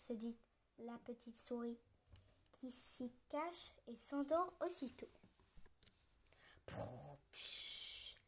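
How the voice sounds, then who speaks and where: A woman reading a children's story aloud, gentle and playful with snoring sound effects. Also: high voice, husky.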